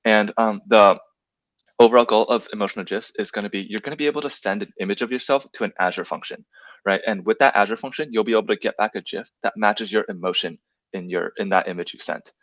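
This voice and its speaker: A man's voice: on the low side, quick pace, a bit bright, no room sound. A young man presenting a program over slides in a casual way, with many fillers and tag questions. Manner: filler-heavy, often adds "right?". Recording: dull, lo-fi dry sound.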